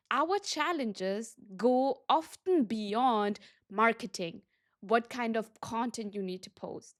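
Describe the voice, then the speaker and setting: Addressing the camera with a motivational message, this woman business coach, German-based with Tamil as her first language, talks at a slow pace. Her fairly high voice stays earnest and emphatic, and she repeats things to drive them home.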